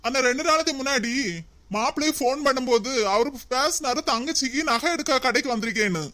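A woman voicing a soft-hearted young husband in a cartoon, placating his family in a Kanyakumari Tamil accent. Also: sits high, fast. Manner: pleading, placating.

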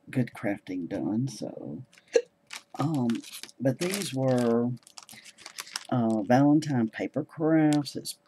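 A man's voice: medium pitch, mellow, a little hiss or hum, low-quality recording. A man casually showing his handmade cards, rambling and hesitant with many ums. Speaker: crafting vlogger. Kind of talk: casual show-and-tell chat.

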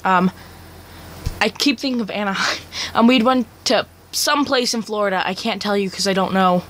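A woman's voice: mid-range voice, moderate pace, fairly bright tone. A teenage girl from Kansas chatting casually while she takes an online quiz, rambling, correcting herself and giggling often. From Kansas, USA. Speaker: vlogger.

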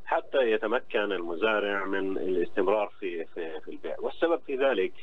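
Calling in to a radio studio, a middle-aged agriculture official with a Palestinian accent explains matters in a halting way, often repeating himself. His voice is low and animated, carried over a dull phone line with noticeable hum.

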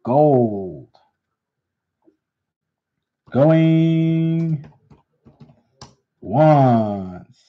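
A man hosting a live coin auction, repeating bids in steady auctioneer patter. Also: on the high side, drawn-out words, pauses often. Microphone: unseen, hands on camera. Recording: dull lo-fi stream audio.

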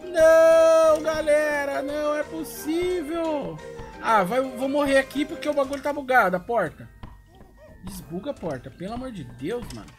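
A middle-aged Brazilian man giving casual, excitable gameplay commentary full of slang and exclamations, recorded in a room at home. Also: very high-pitched, moderate pace. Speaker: gaming video host. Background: music.

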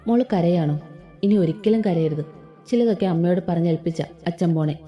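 Audio-story father: gentle and apologetic, read by a woman, low, dark tone, slightly muffled recording. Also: a little fast, natural voice. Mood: tender. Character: remorseful loving middle-aged father. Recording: slightly dull with soft background music.

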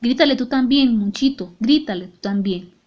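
A woman reading aloud, voicing a father who shouts insults in tearful rage. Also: sits high, expressive, drawn-out words, lo-fi sound, voice pushed up, exaggerated voice. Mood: enraged shouting. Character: enraged father shouting in tears, man.

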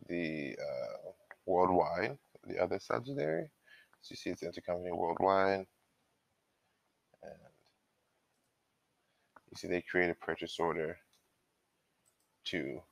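A man acting as a trainer gives an informal step-by-step software walkthrough, explaining and thinking aloud along the way. His voice sits low and creaky, with no echo.

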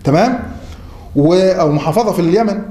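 An Egyptian-accented man teaches a class in what sounds like a classroom or mosque hall, repeatedly posing questions to students and answering them himself. His voice is high-pitched, brisk, and mellow, picked up in a roomy hall with faint background noise.

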